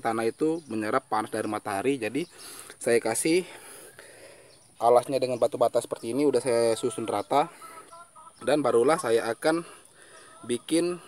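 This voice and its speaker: A man's voice: medium pitch, darkish tone. A man talking casually into a handheld phone outdoors, explaining his fish farm work step by step. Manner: chatty, explaining step by step, frequent "ya". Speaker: hobby guppy farmer and vlogger. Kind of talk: casual outdoor vlog narration. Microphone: handheld phone camera.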